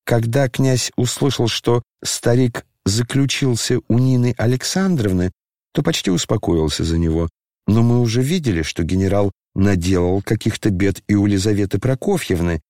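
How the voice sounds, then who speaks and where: Measured male audiobook narrator, dry sound. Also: lowish voice, warm tone, no echo. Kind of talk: scripted narration of a classic novel.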